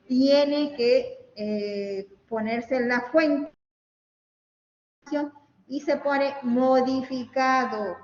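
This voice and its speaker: A woman lecturer giving an online class, explaining step by step and checking in with her students, her voice carrying a hall-like echo. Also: fairly high pitch. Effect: echoing, hall-like reverb. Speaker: university lecturer. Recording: echoey, dull audio with faint hiss.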